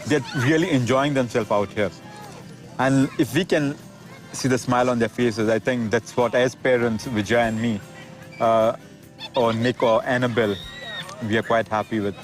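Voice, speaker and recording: A man being interviewed at a playground, talking in a relaxed, contented way as a father. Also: mid-range voice, normal speed, soft background music. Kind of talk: casual interview.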